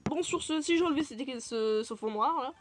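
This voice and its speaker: A woman commenting on her own video game run in a chatty, excitable way, swearing freely as she reacts. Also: high-pitched, normal speed, over music. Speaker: gaming video creator. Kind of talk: let's play commentary.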